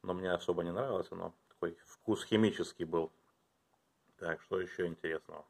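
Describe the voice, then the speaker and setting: A man chatting casually at home as he unboxes and reviews his collection, thinking aloud and dropping to quiet mutters as he handles things. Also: low-pitched, steady tone, a little fast, creaky, slightly rough.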